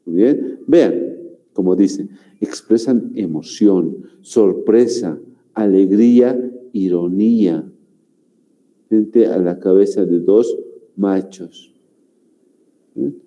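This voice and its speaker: A man from Bolivia teaching a grammar class, speaking slowly and repeating himself, forever checking in with "¿no?" and "muy bien". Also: low voice, warm tone, low-quality recording. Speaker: language teacher.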